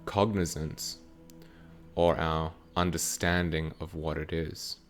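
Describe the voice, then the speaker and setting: Male spiritual teacher, very deep voice, channeled teaching, measured pacing, faint music bed. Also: steady tone. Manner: slow, measured, broken into short phrases. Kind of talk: channeled teaching with guided meditation.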